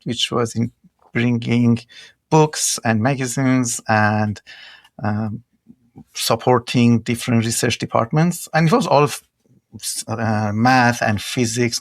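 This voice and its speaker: A middle-aged Iranian man with an Iranian accent speaks in a medium-pitched voice with vocal fry, recorded with no echo. A tech entrepreneur appearing as a podcast guest, he tells stories conversationally during the interview.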